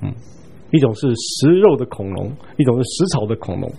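Guy teaching a bible class, husky and warm, laid back, chuckles a bit. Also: medium pitch, brisk. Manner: relaxed and chatty, chuckles, checks in with listeners. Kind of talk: Bible study lecture.

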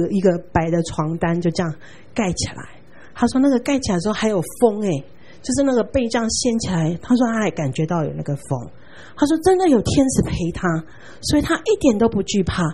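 Brief: woman guest preacher, mid pitch, breathy, animated storytelling sermon. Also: fast. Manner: animated, often asks "you know?".

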